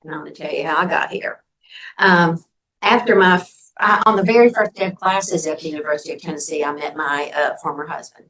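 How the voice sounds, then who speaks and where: An older woman telling a personal story to a gathering in a candid, conversational way, pausing for effect. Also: low voice, a bit bright, slight background noise, rough recording.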